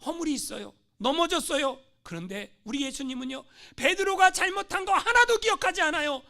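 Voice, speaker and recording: A male pastor preaching a sermon, moving between hushed storytelling and fervent, rising exhortation. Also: extremely high pitch, expressive, a little fast. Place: church sanctuary.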